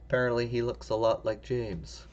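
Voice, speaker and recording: A man's voice: medium pitch, little pitch movement, moderate pace, darkish tone, highs cut off, a little hiss or hum. A man streaming a story game, reading along and making wry, joking asides. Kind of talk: let's play commentary and reading.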